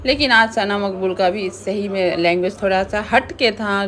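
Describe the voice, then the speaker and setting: A woman's voice: mid-range voice, normal speed, fairly bright tone. A woman casually recapping a reality show, retelling events in a chatty way with frequent restarts.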